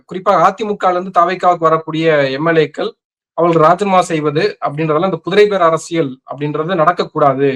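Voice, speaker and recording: A man interviewing a political guest, setting up his questions in a measured, hesitant way with filler sounds. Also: fairly high pitch, a bit bright.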